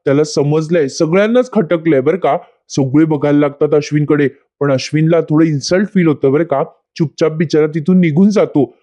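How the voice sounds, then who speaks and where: Guy recapping a tv serial, talks to the viewers, mellow voice a bit high. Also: fairly quick, few pauses. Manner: addresses viewers directly. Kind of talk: casual retelling of a TV episode.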